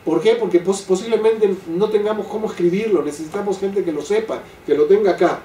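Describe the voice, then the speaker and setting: Older man, Torah teacher, mellow tone, slows to stress points, distant mic, echoey room, faint background noise. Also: sits high. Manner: keeps asking "¿sí?" to his listeners; slows down to stress key phrases. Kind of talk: religious class lecture. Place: classroom or hall with a live group.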